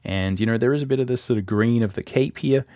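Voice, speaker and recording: A man's voice: mid-range voice, quick pace, dark tone, no room sound. A man teaching illustration, talking through images in a loose, conversational way with frequent fillers and restarts. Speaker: art instructor. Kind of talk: casual explanatory commentary over images.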